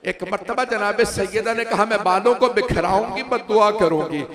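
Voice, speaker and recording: A male preacher giving a mourning sermon, rising into a loud wailing lament as he tells the story. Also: sits high, moderate pace. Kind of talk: majlis sermon recounting tragedy. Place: large hall with gathered listeners. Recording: noisy crowd of mourners.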